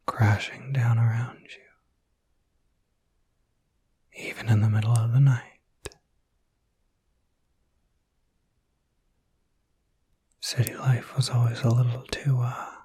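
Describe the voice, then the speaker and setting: In this ASMR roleplay, the man voices a kindly werewolf caretaker, whispering softly and breathily right up on the microphone with slight hesitations. The mid-range voice sounds soft and sympathetic, with no room sound at all.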